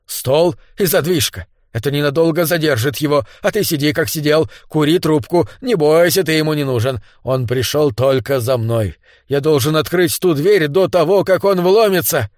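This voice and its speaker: A man voicing a hunted Englishman, hoarse and shrill, frantic and on the edge of hysteria, in a read-aloud story. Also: lively intonation, moderate pace, hardly any pauses, a little mellow, no room sound, clean studio sound, lightly acted. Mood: desperate urgency. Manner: frantic, cursing. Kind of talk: audiobook character voice.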